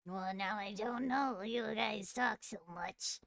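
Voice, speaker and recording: A woman playing in an online tabletop game, speaking in a deadpan, drifting way. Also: mid-range voice, slow pace, dry recording, studio quality. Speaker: player. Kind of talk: casual tabletop play.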